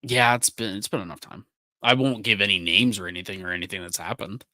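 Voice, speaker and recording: A young man, co-hosting a casual podcast and telling animated stories with frequent laughs. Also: on the low side, quick pace, no room sound. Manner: animated storyteller, laughs often. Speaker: podcast co-host. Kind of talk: casual chat.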